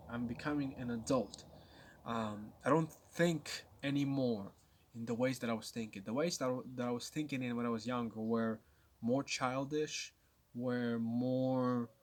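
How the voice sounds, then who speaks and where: A nineteen-year-old man vlogging to his viewers, rambling and restarting often as he thinks aloud. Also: medium pitch. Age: late teens. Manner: rambling, with many restarts and stammers. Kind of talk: casual talk to camera.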